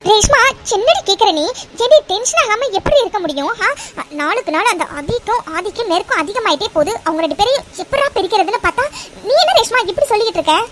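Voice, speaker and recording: A woman's voice: very high-pitched, very animated, fast, noisy background. A woman voicing a scheming, fretful mother in a cartoon, who talks in an agitated, scolding way. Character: scheming, fretful mother plotting against her daughter-in-law. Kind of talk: cartoon voice acting.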